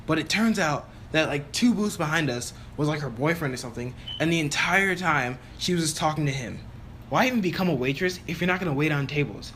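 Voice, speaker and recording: Young man, story-time vlog voice-over, slightly high-pitched, chatty, exasperated, full of "like", home recording. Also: animated, a little fast, fairly bright tone, slight background noise. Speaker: YouTuber telling a story.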